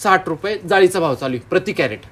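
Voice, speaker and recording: A young man from Dindori, a farmer, talking in a casual interview and telling lively stories about his customers. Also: sits high, quick pace. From Dindori, Maharashtra. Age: young adult. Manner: lively storyteller, acts out customers' remarks.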